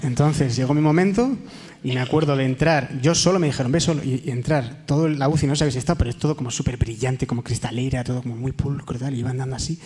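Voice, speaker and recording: A young man performing a live stand-up monologue, telling stories with hushed whispers and sudden loud bits. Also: medium pitch, quick pace. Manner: storytelling, swings between hushed whispers and loud sung bits. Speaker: stand-up comedian. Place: theater stage before a live audience.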